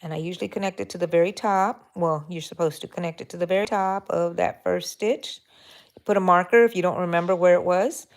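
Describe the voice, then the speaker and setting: Speaking a little fast in a fairly low, steady voice, this woman from Texas runs a casual crochet livestream from her bedroom. She keeps up a chatty stream of thoughts while working and talks to her yarn.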